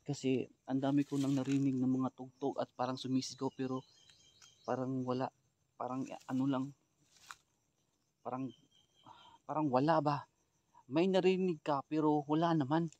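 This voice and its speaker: A man from the Philippines vlogging a ghost hunt outdoors in a rural wooded spot, switching between loud calls and low hushed murmurs. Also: flat delivery, normal speed, pauses often. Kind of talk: hushed exploring vlog commentary.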